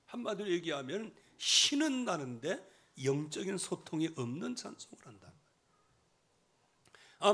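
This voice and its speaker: A middle-aged male pastor preaching a sermon in church, swinging from loud emphasis to quiet asides. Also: high-pitched. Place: church sanctuary.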